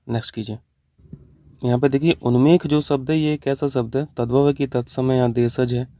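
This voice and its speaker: A man with a mellow, medium-pitched voice speaks steadily at normal speed, with no room sound. As a Hindi teacher giving an online exam-prep lesson, he works through the answer options step by step, mixing English terms into his Hindi.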